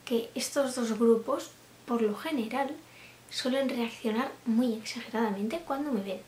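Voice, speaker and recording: A young woman chatting casually to camera, laughing often and dropping into soft asides. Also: a little high, measured pace. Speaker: vlogger. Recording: roomy room with faint hiss.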